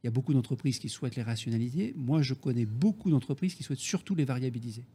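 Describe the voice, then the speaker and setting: A man's voice: mid-range voice, racing, dark tone, husky. A man with a Parisian French accent explaining things as a business guest in a panel discussion, repeating key phrases for emphasis. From Paris region, France. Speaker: business executive, guest on the show.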